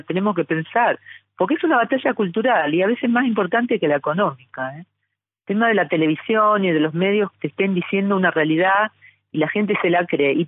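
A woman's voice: mid-range voice, no echo, phone-quality sound. Argentine lady on the phone, middle-aged, makes her case hard, thin dry line. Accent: Argentine Spanish. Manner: fluent, argumentative, explanatory. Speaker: guest, journalist and psychologist. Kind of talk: phone interview. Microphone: telephone.

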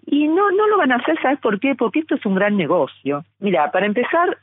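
A woman's voice: on the high side, very animated, brisk, breathy edge, dry recording. A middle-aged woman from Argentina with an Argentine accent, a guest giving a fluent, argumentative phone interview. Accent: Argentine Spanish. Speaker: guest, journalist and psychologist. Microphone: telephone. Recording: tinny phone line.

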